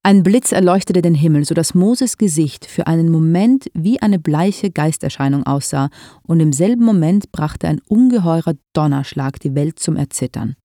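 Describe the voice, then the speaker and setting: Steady audiobook narrator, mid pitch, warm-ish mellow voice, dead dry sound. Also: moderate pace, no room sound.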